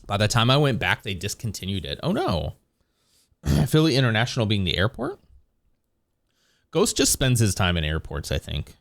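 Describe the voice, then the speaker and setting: Low-voiced man chatting loosely with viewers. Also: huge pitch swings, moderate pace, vocal fry, pauses often, dry recording, clean studio sound. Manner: rambling, easygoing, chuckles often. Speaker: live streamer. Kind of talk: casual chat with viewers.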